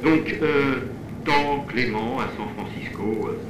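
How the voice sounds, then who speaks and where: An actor playing an airline captain making an in-flight cabin announcement, chatty and drifting off script. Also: male voice, mid-range voice, slow. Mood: rambling. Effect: in-flight cabin announcement over the speaker. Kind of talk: stage play acting. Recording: roomy, distant, noisy stage recording.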